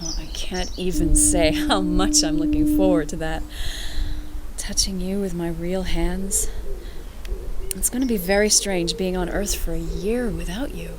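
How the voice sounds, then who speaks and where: In a science fiction audio drama, an actress voices an affectionate commander from another planet who is wry, gracious, and playful, with a fond, teasing mood. Her natural-sounding voice is fairly low with a steady tone and measured pace, and there is background noise.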